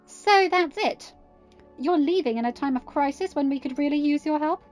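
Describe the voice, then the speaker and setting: A woman voicing a fiery, proud young princess in a story reading, sharp-tongued, insistent and argumentative. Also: sits high, normal speed, faint music behind, pitched above the performer's own voice, close to an everyday voice. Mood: angry, scornful. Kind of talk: dramatised audiobook reading.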